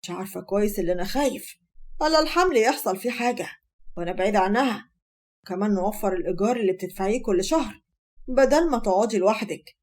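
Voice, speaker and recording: A woman's voice: on the high side, animated, fast talker, darkish tone. A woman voicing a firm young Egyptian husband who gives orders to his wife and mother-in-law. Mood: calm. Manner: firm, commanding. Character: stern young husband, calm then domineering.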